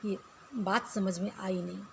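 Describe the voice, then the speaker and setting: A woman's voice: medium pitch, flat delivery, unhurried, creaky, darkish tone, a little hiss or hum. A young woman teacher explaining a school poem, reciting the verses in a sing-song voice and then explaining them in a casual way, often repeating phrases.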